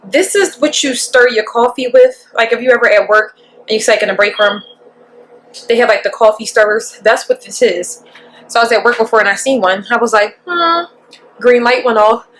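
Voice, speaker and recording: A woman's voice: fairly high pitch, fairly even intonation, brisk, a little hiss or hum. A young woman, chatting loosely through an at-home beauty tutorial in her kitchen and swearing casually. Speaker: beauty vlogger.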